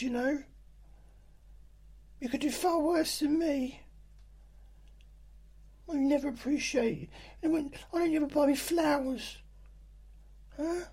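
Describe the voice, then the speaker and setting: A nagging ogre wife, high and husky with gravel. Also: male voice, warm tone, full character voice. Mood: aggrieved scolding. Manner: ranting, ad-libbed complaints in falsetto. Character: nagging old ogre's wife, shrill and scolding.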